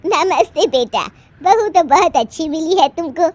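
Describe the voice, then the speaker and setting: A chatty middle-aged woman friend in a cartoon, voiced by a woman, gossipy and teasing. She has a high, lively voice and a slow, drawn-out delivery. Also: no echo. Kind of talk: cartoon voice acting.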